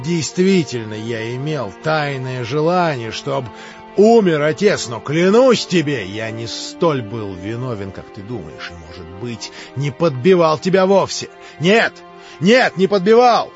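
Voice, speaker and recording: A man playing a tormented young nobleman who shouts frantically, in a dull lo-fi recording with faint music. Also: medium pitch, voice pushed up, close to an everyday voice. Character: tormented, agitated young nobleman, quick to rage.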